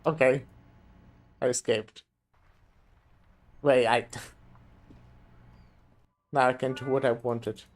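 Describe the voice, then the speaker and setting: A man's voice: mid-range voice, steady tone, slow, pauses often. A man streamer casually commenting on a video game, hesitant with many fillers.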